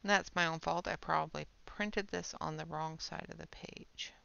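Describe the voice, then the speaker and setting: A woman giving a casual, unhurried art supply demonstration, half murmuring to herself, with a creaky voice that often trails off softly. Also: low voice, steady tone, highs cut off.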